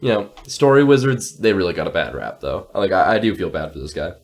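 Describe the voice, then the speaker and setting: A man's voice: sits low, very animated, fairly quick. A man with a stuffed-up nose hosting a podcast, reading a fantasy story in a casual, profane, joking way and laughing often. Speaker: podcast host and story reader. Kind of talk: casual narration with banter.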